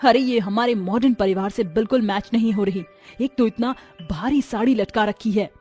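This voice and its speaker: A woman's voice: on the high side, normal speed, darkish tone, faint music behind, natural voice. Woman doing a haughty city mother-in-law. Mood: scornful. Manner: scornful, scolding.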